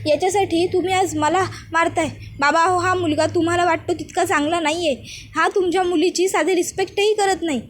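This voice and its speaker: A woman's voice: very high voice, steady tone, brisk, slight background noise, pitched above the performer's own voice. A woman voicing a defiant young woman protesting to her father about an arranged marriage. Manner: pleading, protesting.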